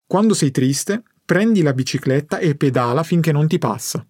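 A quiet elderly grandfather, voiced by a male audiobook reader, speaks in a low, controlled, nearly monotone way. The voice sits a little high for a man. It is recorded close and dry, with no room sound. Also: moderate pace, dry recording. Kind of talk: audiobook narration.

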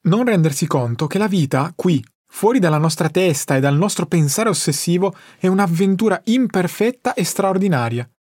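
Audiobook: patient wise male mentor read by a man, slightly high voice, dry booth. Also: expressive, normal speed, hardly any pauses, darkish tone, no echo. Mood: patient teaching. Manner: patient, instructive. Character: calm wise older male teacher. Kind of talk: audiobook character reading.

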